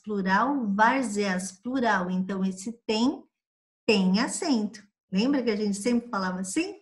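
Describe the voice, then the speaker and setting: A woman from Brazil teaching a grade-school lesson review, patiently drawing out each example word for young pupils. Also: mid-range voice. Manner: patient, spells out examples slowly for children.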